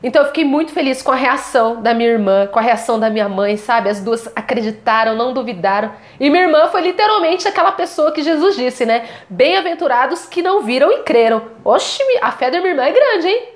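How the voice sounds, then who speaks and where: Young Brazilian woman, high voice, chatty vlog testimony, animated with quoted voices. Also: brisk, hardly any pauses. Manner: animated, acts out quoted voices with big pitch jumps. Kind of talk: casual testimony storytelling.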